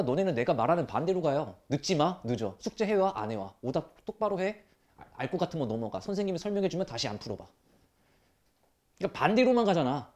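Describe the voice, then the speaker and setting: A man teaching math to high school students, scolding them bluntly with rough language and rhetorical questions. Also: darkish tone. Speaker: math tutor. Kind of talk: classroom lecture.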